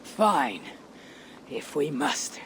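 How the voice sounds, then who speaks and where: Eivor, a gruff, husky Viking raider. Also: female voice, sits low, big pitch swings, extremely slow, background noise, full character voice. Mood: curt, grudging. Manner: blunt, guarded, challenging. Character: gruff, suspicious female Viking raider leader. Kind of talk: video game cutscene acting.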